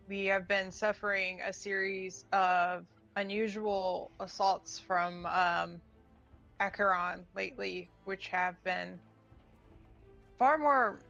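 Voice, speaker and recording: A woman voicing a gruff hobgoblin major. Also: mid-range voice, a bit bright, highs cut off. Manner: curt and commanding. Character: stony-faced stern hobgoblin woman officer.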